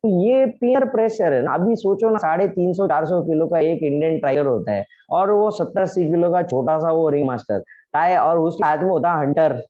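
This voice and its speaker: A man speaks as a guest, wandering through a lively personal story with plenty of fillers. His voice sits a little high for a man. The recording is dry and slightly dull. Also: normal speed, no echo. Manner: rambling, lively, mixes in English phrases, many fillers. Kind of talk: anecdotal storytelling talk.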